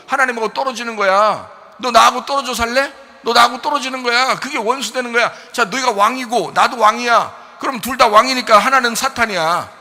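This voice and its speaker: A male pastor preaches in a church sanctuary, and his high, very bright voice carries a long hall reverb. He talks to the congregation in a conversational way, full of rhetorical questions, and swings from hushed lines to loud ones. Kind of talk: sermon.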